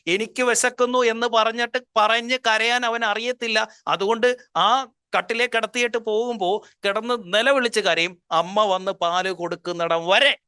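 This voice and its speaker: Motivational speaker, male, higher register, dry close sound; punchy delivery with rhetorical questions and English phrases mixed in. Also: sharp tone, clear, resonant tone, no echo. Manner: emphatic, asks the listeners rhetorical questions; mixes English phrases into his speech. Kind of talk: motivational talk.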